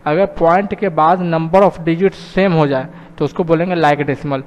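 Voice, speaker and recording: A man's voice: on the high side, steady tone, unhurried, darkish tone, in a large hall. A man teaching a math lesson patiently, often checking in with his students. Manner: patient, repeats "thik hai" and "students" often.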